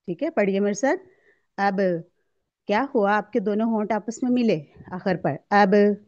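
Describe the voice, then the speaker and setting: A woman teaching a recitation lesson, speaking very slowly and patiently. She sounds out each letter for the listener to repeat, then asks where it comes from and answers herself. The recording is slightly dull and lo-fi. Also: mid-range voice, dark tone. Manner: slow, drills letter sounds for students to repeat. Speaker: tajweed teacher.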